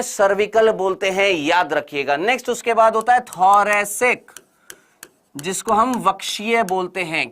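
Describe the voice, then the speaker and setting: Teaching exam prep online, a man repeats questions and answers back and forth with students in call-and-response drills. He keeps a brisk, teasing tone to push for fast replies, speaking in a high, slightly bright voice.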